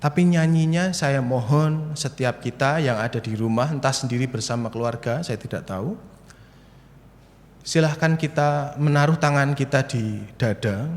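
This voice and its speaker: A man's voice: medium pitch, normal speed. A young male preacher giving a sermon, chatty and storytelling, talking to the congregation at home. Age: young adult. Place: church, streamed to people at home. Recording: reverberant church hall.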